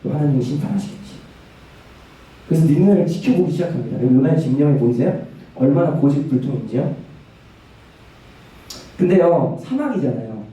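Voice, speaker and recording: Animated young male preacher in echoey church. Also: a little high, a little fast, long pauses. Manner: animated storytelling, asks the congregation questions. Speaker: youth ministry preacher. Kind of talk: lively sermon. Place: church sanctuary. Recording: echoey hall, mic from a distance.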